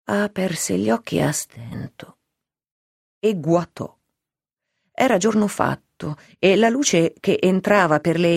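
Measured reader of a classic novel. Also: medium pitch, no room sound, studio quality. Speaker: audiobook reader. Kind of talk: literary novel narration.

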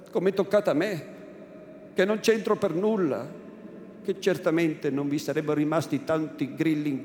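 Don Abbondio, timid old priest, as a reader puts him on. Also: male voice, darkish tone, slight background noise, natural voice. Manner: pleading, fearful, rising high. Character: old timid frightened village priest, whiny. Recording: echoey room, faint ambience.

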